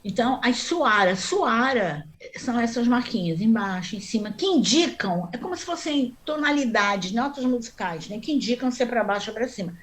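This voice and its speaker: A woman's voice: fairly high pitch, animated. Patient woman teaching Sanskrit chant marks. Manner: patient, explains step by step, often checks in with the class; chants mantra syllables slowly. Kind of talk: online class explanation.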